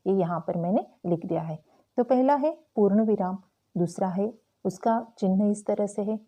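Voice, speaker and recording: A woman teacher explaining a Hindi grammar lesson slowly and carefully to school students. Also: mid-range voice, mellow. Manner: slow, careful explaining with frequent "tो चलो".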